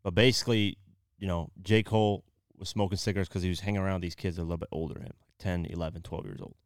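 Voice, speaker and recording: A man's voice: sits low, steady tone, fast talker, smooth, dry recording, clean studio sound. A man co-hosting a casual podcast, retelling a story in loose, rambling talk. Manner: retells stories loosely, many fillers. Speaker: podcast co-host. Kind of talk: casual chat.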